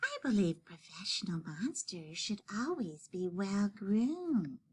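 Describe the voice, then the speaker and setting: A woman's voice: very animated, takes it slowly, full character voice. A woman voicing a polite, well-groomed male monster in a storybook, with a silky voice and a formal, prissy manner. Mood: prim. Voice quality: high, silky, husky-breathy. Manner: formal, genteel. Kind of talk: picture-book read-aloud.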